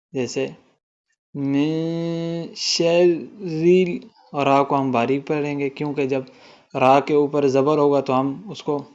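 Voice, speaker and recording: A man with a Pakistani Urdu accent teaching Quran recitation rules, explaining quickly and then chanting verses slowly and melodically. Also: mid-range voice, dull audio. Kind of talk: tajweed lesson with slow recitation.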